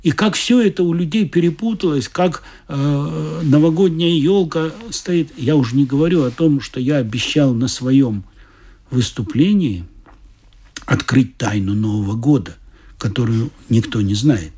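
A man's voice: mid-range voice, measured pace, mellow, slightly rough. A middle-aged man reading a short story aloud with expression, then chatting about it. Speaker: storyteller and speaker.

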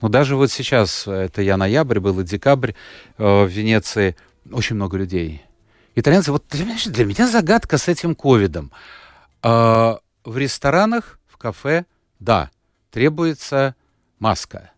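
Sounding like he's getting over an illness, a man who normally hosts radio sits in as a guest for a relaxed interview, meandering with many fillers and restarts. His mid-range voice swings widely in pitch at a moderate pace, recorded in studio quality with no echo.

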